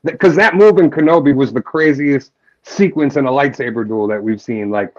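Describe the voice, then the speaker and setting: Excited man, co-host, casual chat, repeats words, muffled sound. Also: mid-range voice. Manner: excited, fast, repeats himself.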